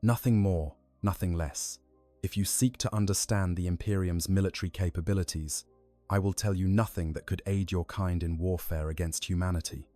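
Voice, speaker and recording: A man's voice: deep voice, fairly even intonation, moderate pace, warm tone, soft background music, natural voice. A man voicing a stern, dogmatic male space marine dreadnought in a firm, clipped way.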